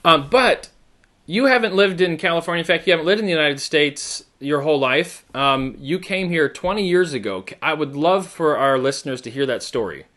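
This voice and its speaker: A man hosting a live online show, chatty and energetic, with frequent fillers. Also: fairly high pitch, brisk. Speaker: host.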